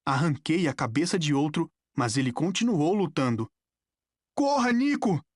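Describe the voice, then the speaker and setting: Low-voiced Brazilian woman narrating. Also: moderate pace, no echo, clean studio sound. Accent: Brazilian Portuguese. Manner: dramatic, expressive storytelling. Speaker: audiobook narrator. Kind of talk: scripted narration.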